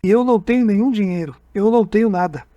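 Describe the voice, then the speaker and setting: A dazed hypnotized man reliving a strange night on a dark road, halting and stumbling over his own words, as a man reads him aloud. The voice sits fairly high and dry, with no room around it. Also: dry recording, highs cut off, lightly acted. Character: frightened man reliving an abduction under hypnosis.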